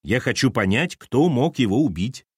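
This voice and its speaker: A man voicing a cautious young man who asks careful, gentle questions in an audiobook. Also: expressive, normal speed, husky, no echo, clean studio sound. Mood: questioning. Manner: soft, careful, low murmur.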